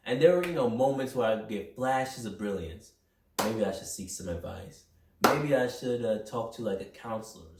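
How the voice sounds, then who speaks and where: A young man hosting a podcast, talking through a personal motivational monologue in an energetic, rambling, self-reflective way. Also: lowish voice, normal speed, background noise. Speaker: podcast host. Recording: roomy echo, mic at a distance.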